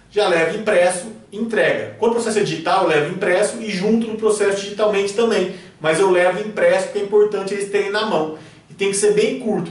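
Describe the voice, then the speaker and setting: Brazilian lawyer guy explaining stuff, high voice, big echoey room, mic kinda far. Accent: Brazilian Portuguese. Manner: didactic, keeps checking in with short tags. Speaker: criminal defense lawyer. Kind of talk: spoken tutorial.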